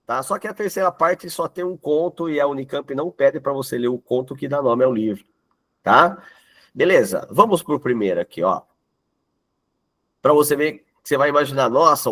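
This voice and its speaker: A man's voice: mid-range voice, a bit bright. A man teaching a literature class in a casual exam-prep lecture, chatty, joking with students and often checking that they follow. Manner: jokey asides to students.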